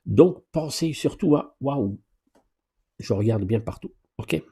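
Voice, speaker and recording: A man's voice: medium pitch, slow, gravelly, slightly rough. A man giving a casual live question-and-answer driving lesson as an instructor, talking to viewers in a familiar, chatty way with playful exclamations. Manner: lively exclamations and playful asides.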